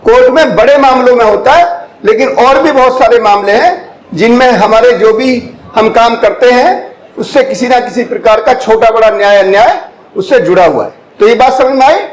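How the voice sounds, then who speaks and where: A man's voice: very high-pitched, normal speed. An older man from India giving a university lecture, who keeps asking the audience whether they follow and slips English phrases into his talk. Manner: keeps checking the audience follows, with rhetorical questions. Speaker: guest lecturer. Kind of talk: classroom lecture. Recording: echoey lecture hall.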